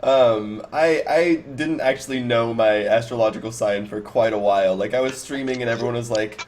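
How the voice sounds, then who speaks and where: A man's voice: mid-range voice, moderate pace, darkish tone. Young man rambling on a headset call. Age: 20s. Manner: rambling, laughs often, many restarts. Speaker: cannabis streamer. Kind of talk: casual live-stream chat. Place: small home room, indoors. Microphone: headset, video call.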